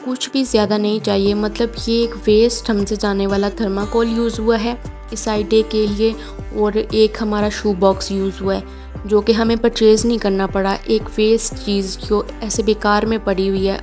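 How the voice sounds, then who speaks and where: A woman's voice: medium pitch, a little mellow. A woman, giving a chatty, homely step-by-step craft tutorial with frequent fillers. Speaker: DIY craft vlogger. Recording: home video with faint background music.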